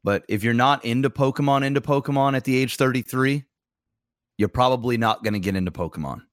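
A man's voice: medium pitch, a little fast, dry recording, studio quality. A man in his thirties co-hosting a gaming podcast, talking bluntly with slang. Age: 30s. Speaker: podcast co-host. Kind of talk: casual podcast chat.

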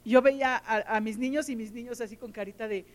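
A middle-aged woman preaches with a fairly high voice. She tells personal stories with feeling and often repeats words for emphasis. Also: steady tone, fairly quick. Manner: emotional, storytelling, repeats words. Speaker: teacher and lay preacher.

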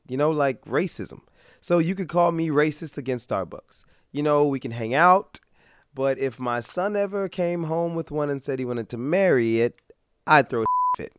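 An American man hosting a vlog, hoarse from being sick, giving a comedic rant in a sarcastic, exasperated manner. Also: on the high side, lively intonation, moderate pace, no echo, studio quality. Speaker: vlog host.

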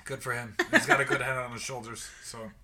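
A man's voice: mid-range voice, little pitch movement, fairly quick, sharp tone. Laid-back man chatting inside a closet. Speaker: podcast co-host. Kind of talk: casual chat.

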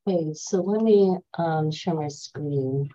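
Woman, low pitch, halting presenter on a video call, muffled lo-fi sound. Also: mellow. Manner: hesitant, halting with fillers. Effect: heard over a video call. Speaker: audit presenter in a meeting. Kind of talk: work meeting over a video call.

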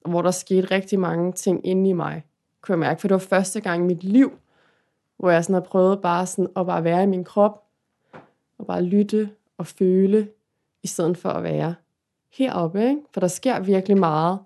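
A woman's voice: on the low side, steady tone, mellow. Woman, casual chat, open, confiding, thoughtful.

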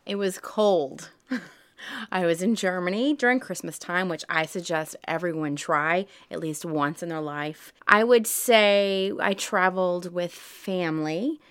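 A woman in her forties with a Southern US accent, a high school math teacher chatting candidly in an interview and laughing often. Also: measured pace, a bit bright, smooth. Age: 40s. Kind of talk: casual interview.

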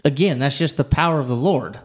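A man co-hosting a casual Bible discussion, talking earnestly and haltingly, with frequent restarts and "you know". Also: mid-range voice. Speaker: Bible study podcast co-host.

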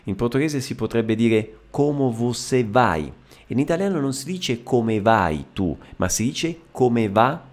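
A man teaching an Italian lesson to Portuguese speakers, explaining phrases and repeating them slowly with frequent "ok?" checks. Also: mid-range voice, expressive.

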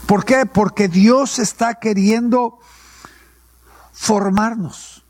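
A man's voice: high voice, steady tone, very slow, a little mellow, no echo, studio quality. A male pastor, preaching a sermon and asking questions that he answers himself. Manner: call-and-response preaching, asks and answers his own questions.

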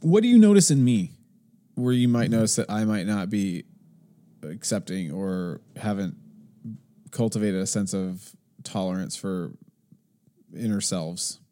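A man's voice: fairly low pitch, lively intonation, a little slow, long pauses, dark tone. A man co-hosting a casual talk show, ranting animatedly and acting out what other people say. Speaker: podcast co-host. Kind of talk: casual conversation.

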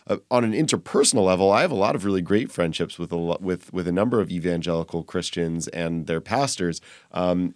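Halting, smooth low-voiced man. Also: darkish tone, no room sound, clean studio sound. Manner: halting, hesitant, measured. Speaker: rabbi, interview guest. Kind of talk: unscripted discussion.

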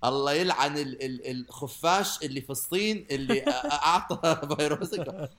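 A man's voice: fairly high pitch, expressive, a little fast, a bit bright. A young man with a Levantine Arabic accent chatting casually as a podcast co-host, often restarting and repeating his phrases. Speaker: podcast co-host with microbiology training. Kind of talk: casual comedic podcast chat.

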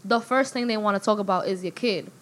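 A woman co-hosting a casual podcast, chatty and slangy. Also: mid-range voice. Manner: chatty, slangy, quick to laugh. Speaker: podcast co-host. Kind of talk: casual chat.

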